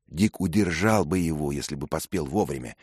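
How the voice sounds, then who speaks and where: A man reading an adventure novel aloud in steady, measured scripted narration. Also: very deep voice, slightly rough, dry recording, clean studio sound. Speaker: audiobook reader.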